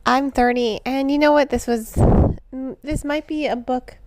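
A woman's voice: sits high, steady tone, a little slow, a little mellow, no room sound. A woman in her thirties, hosting her own show and reviewing a book in a chatty, enthusiastic way, with lots of fillers and restarts. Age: 30s. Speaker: book reviewer, podcast host.

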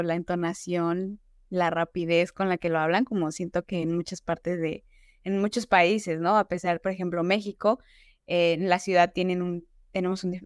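A woman's voice: lowish voice, clean tone, dry recording, studio quality. A woman from Mexico with a Mexican accent, a podcast guest talking at length in a casual, chatty way with anecdotes.

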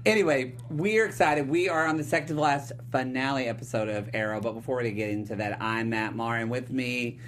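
A man hosting a casual recap show, chatting in an excitable, jokey and playful way. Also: medium pitch, a little fast, hardly any pauses, slight background noise. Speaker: talk show host.

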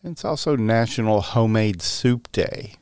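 A man's voice: lowish voice, animated, measured pace, a little mellow, smooth, no echo. A man hosting a podcast, reading out items in a welcoming host's manner. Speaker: podcast host. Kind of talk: scripted podcast news narration.

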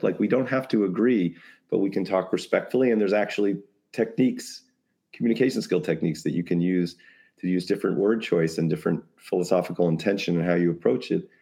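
Here the creative compliance consultant, a guest on a podcast, speaks with a low, darkish voice. His talk is casual and meandering as he brainstorms, with jokes sprinkled in.

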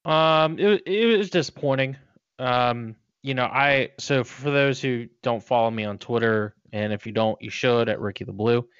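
Clear-voiced man in casual sports chat. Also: mid-range voice, moderate pace, a bit bright, no echo. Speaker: podcast co-host. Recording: dry, dull lo-fi podcast audio.

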